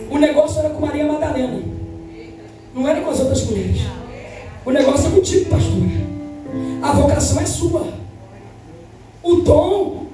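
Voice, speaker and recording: A woman missionary preaching a fervent Pentecostal sermon, often shouting and half-singing her phrases. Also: high voice. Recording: echoey church from far off with music.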